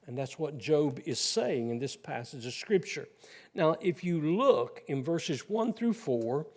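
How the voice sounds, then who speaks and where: A man's voice: on the high side, a little mellow. A man preaching a sermon as pastor of a church, voicing scripture with sarcastic asides.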